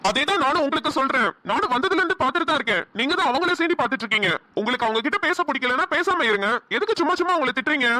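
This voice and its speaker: A woman's voice: high voice, expressive, sharp tone, no echo. A woman with a Namakkal Tamil accent voicing a teasing, protective young husband in a cartoon. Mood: defiant. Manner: teasing, quick retorts.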